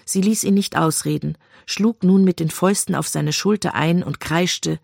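Narrator for a novel, gravelly mid-pitched voice, dry close sound, even delivery. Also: normal speed, dry recording. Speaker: audiobook narrator.

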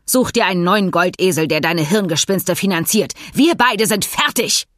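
A woman reading an audiobook, voicing a loud, choleric, heavyset male horse owner who blusters and growls. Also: fairly low pitch, moderate pace, dry recording, clean studio sound, voice pushed up. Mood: menacing. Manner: explosive shouting, then dangerously calm.

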